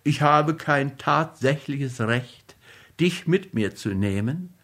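Man voicing a stern storybook nobleman, sharp forceful tone, unhurried. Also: medium pitch, expressive. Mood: angry, firm. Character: proud nobleman defending a dead woman's honor.

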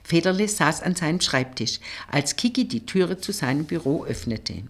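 A woman narrating a novel as an audiobook in an expressive storytelling manner. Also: low voice, moderate pace.

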